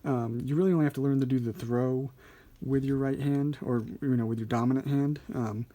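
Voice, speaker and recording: Male tutorial host, soft-edged mellow tone, mid-range pitch, informal and thinking aloud. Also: fairly even intonation, brisk. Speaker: card trick instructor. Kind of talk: casual hands-on tutorial.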